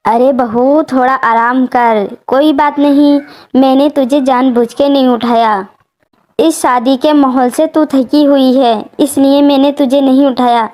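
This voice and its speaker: A woman's voice: high voice, fairly even intonation, unhurried, darkish tone. A woman voicing a kind, protective mother-in-law in a storybook tale, speaking affectionately.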